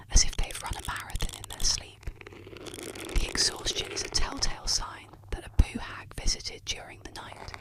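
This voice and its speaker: A woman narrating a scripted bedtime tale in a hushed, soothing ASMR whisper meant to lull listeners to sleep. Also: sits high, rough recording.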